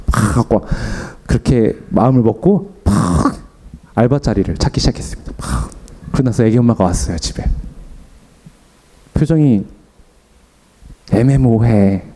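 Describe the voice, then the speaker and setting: Young man preaching a lively sermon, mellow tone. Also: mid-range voice. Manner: animated, acts out his own and others' lines. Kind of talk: sermon with personal story.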